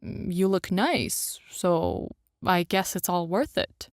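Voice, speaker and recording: A woman's voice: fairly low pitch, lively intonation, slow, dry recording, clean studio sound, voice pushed down. Woman putting on a stammering, awkward young male suitor. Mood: bashful. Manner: nervous stammer, mumbling, hesitant.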